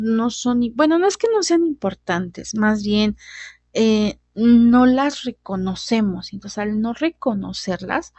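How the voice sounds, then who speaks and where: A woman's voice: a little high, mellow, no room sound. A woman giving a conversational recorded class lecture, often adding tag questions and restarting sentences. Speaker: teacher.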